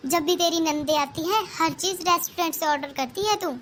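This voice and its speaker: A woman's voice: very high voice, brisk, a bit bright, slight background noise. Woman voicing a scolding cartoon mother-in-law. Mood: lecturing. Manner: scolding, lecturing. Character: older scolding mother-in-law, sharp-tongued but fair. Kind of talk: cartoon voice acting.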